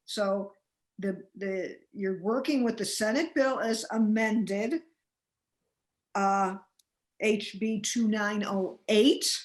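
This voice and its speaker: A woman interviewer putting questions in a live panel interview, halting and often restarting mid-sentence. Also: medium pitch, steady tone. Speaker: interviewer, journalist.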